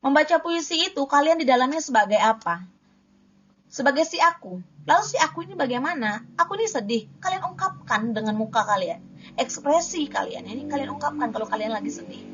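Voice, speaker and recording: Young woman, casual poetry-reading tutor, slightly high voice, trips on the S-R sound, dull home recording. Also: lively intonation, fairly quick, a bit bright, a little hiss or hum. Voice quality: struggles with the S-R cluster. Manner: chatty, self-correcting, demonstrates sounds aloud. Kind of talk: casual spoken lesson.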